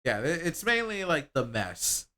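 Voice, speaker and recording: Rambling, bright-voiced streamer. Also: medium pitch, very animated, unhurried. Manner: rambling, laughing, with restarts and swearing. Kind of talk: casual live-stream chat while playing.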